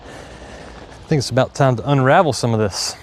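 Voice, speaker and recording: This livestreaming farmer speaks at normal speed in a medium-pitched voice with a hillbilly Appalachian twang, offering offhand, homespun commentary as he works. He's outdoors in a windy garden, and the rough recording has slight background noise.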